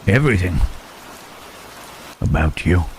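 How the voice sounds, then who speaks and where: Male actor as lonely monster, deep voice, halting slow delivery, gentle, formal wording, intimate ASMR drama, rainstorm in the background. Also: expressive, slight background noise, low-quality recording. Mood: tender, longing. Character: Frankenstein's monster, lonely, gentle, tender giant creature. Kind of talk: intimate ASMR roleplay audio. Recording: rain and thunder behind the voice. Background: rain and thunderstorm.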